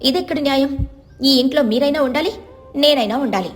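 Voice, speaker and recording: A woman voicing a stubborn, resentful young wife who snaps and complains quickly. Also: high voice, faint music behind, lightly acted.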